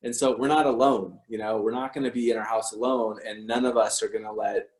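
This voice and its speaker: A man's voice: on the low side, steady tone, brisk, darkish tone, rough recording. A man hosting a casual livestream from home, rambling and emphatic, with many restarts and some swearing. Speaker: host of an online talk stream.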